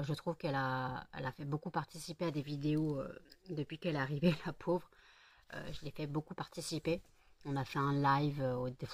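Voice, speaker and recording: A woman's voice: low-pitched, a little mellow, no echo. A woman vlogger and small candle seller chatting casually late at night, rambling and repeating herself.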